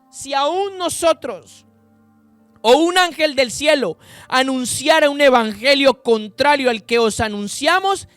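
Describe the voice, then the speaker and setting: A man preaching a sermon, reading Bible verses slowly and with emphasis, and addressing the listeners directly. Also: fairly bright tone, no room sound. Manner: slow, emphatic scripture reading with sudden pitch rises and drops.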